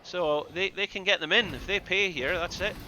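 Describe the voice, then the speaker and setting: A man giving excitable live play-by-play commentary on an esports match, with bursts of loud exclamations. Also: high voice, moderate pace, background noise. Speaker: esports caster.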